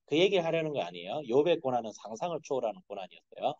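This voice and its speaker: A man's voice: medium pitch, sing-song, rapid-fire, darkish tone, no echo. A man giving a casual, conversational sermon at a dawn school service, often asking his listeners rhetorical questions. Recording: dull, dry lo-fi sound.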